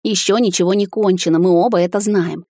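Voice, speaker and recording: A steady, gentle noblewoman from an audiobook, as a woman reader puts her on. She speaks softly but insistently, in a lowish voice. The sound is close and dry. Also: a little fast, no echo. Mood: soothing. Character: calm, wise queen-mother with visions. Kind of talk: audiobook character reading.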